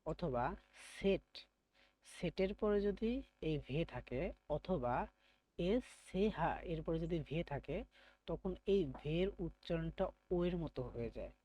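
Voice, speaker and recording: A man's voice: a little high, animated, measured pace, warm tone, lo-fi sound. A man teaching an online beginner German class, calling on students by name, praising them and patiently explaining pronunciation.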